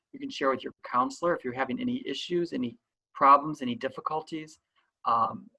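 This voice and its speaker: A man speaks in a bright, clearly projected voice at an average pitch. He sounds like a principal leading an online orientation, explanatory and reassuring. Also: rough recording. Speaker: school principal. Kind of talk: online school orientation talk.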